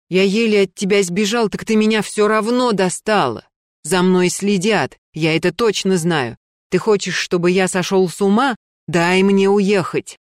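A woman reading an audiobook, voicing a furious, paranoid man who shouts accusations. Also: sits high, no room sound, clean studio sound. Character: furious paranoid ex-husband, middle-aged man.

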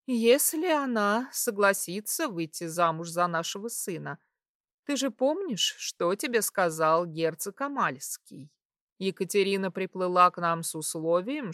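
Woman playing a lively, teasing empress. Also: mid-range voice, a little slow, dry recording, studio quality. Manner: animated, teasing.

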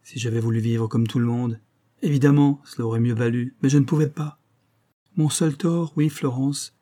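A man reading an audiobook, voicing a proud, hot-tempered young actress with a sharp, impatient manner. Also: mid-range voice, steady tone, moderate pace, natural voice.

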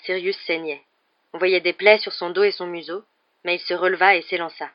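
An audiobook narrator reading a novel aloud in a steady, dramatic way. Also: mid-range voice, brisk, lo-fi sound.

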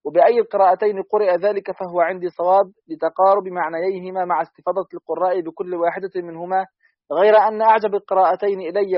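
A man with a high voice reads a classical text aloud at a fast clip, steady and even. The sound is dry and dull, like lo-fi audio. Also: no room sound. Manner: quick, steady recitation. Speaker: student reader.

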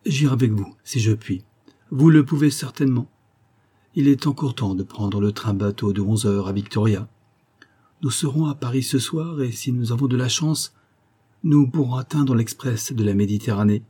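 A man narrating a literary story in the first person for an audiobook, in a measured, steady manner. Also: lowish voice, slightly rough.

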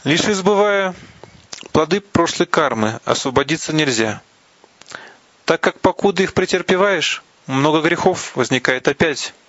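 Man reading scripture in a higher voice. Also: animated, a bit bright, no room sound. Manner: slow, deliberate phrasing with occasional restarts. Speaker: reader of Buddhist teachings. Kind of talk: measured reading of a religious text. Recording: dull, lo-fi, dry recording.

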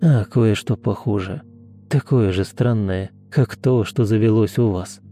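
A man's voice: lowish voice, measured pace, dark tone, faint music behind, lightly acted. A man reading a grim, curt hunter. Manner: terse and clipped. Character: hardened male hunter, grieving, curt.

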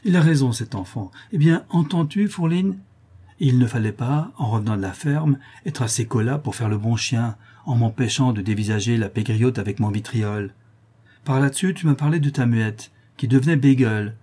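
A man's voice: medium pitch, normal speed, mellow, slightly rough, close to an everyday voice. A man voicing a cruel, mocking old woman villain in an audiobook reading, taunting in thieves' slang. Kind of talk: audiobook character voice.

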